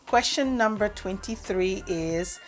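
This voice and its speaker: At home in the UK, a woman in her 40s who speaks Portuguese as her first language talks slowly in a mid-range voice for a get-to-know-me tag vlog. She reads each question aloud, then answers chattily with many fillers like "um." Soft music plays behind her, and the recording is rough.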